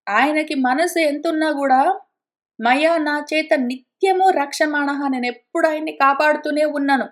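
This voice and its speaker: A woman with a notably high voice gives a verse-by-verse commentary on an ancient epic. She chants each Sanskrit line slowly, then unpacks it emphatically, slipping English words into her speech. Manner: emphatic storytelling. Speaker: scripture teacher.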